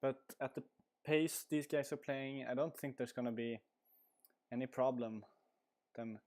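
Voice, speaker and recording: With a steady, unhurried, mid-range voice that's a little mellow, a man with a Swedish accent comments casually on a card game stream. He rambles with many fillers and talks through a headset.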